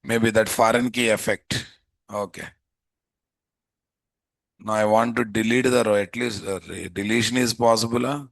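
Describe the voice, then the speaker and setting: A man with a Telugu Indian accent teaching a live software class, informally thinking aloud and repeatedly putting questions to students. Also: on the low side, steady tone, normal speed, gravelly, pauses often, no room sound. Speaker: programming instructor.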